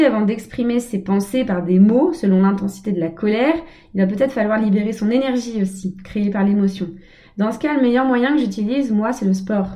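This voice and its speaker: A woman giving a calm, measured self-help talk, speaking in short repeated phrases. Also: medium pitch. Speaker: personal development speaker.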